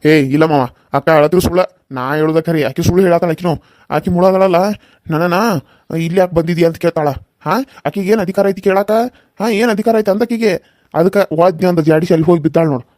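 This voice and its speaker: A man's voice: high voice, fairly even intonation, fast, darkish tone, dry recording, studio quality, natural voice. A man voicing a hot-tempered young brother-in-law in a cartoon serial, defiant and boastful.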